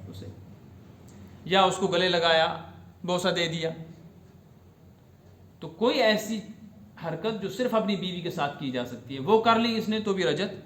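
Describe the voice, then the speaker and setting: A man's voice: sits high, a bit bright, echoey room, a little hiss or hum. A man giving a religious lesson, explaining rulings step by step and asking his students whether they have understood. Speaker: religious teacher.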